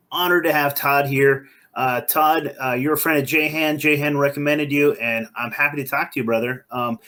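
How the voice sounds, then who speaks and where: A man's voice: mid-range voice, fairly bright tone. A man hosting a casual podcast interview, laid-back and friendly, calling his guest man and dude. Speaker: podcast host.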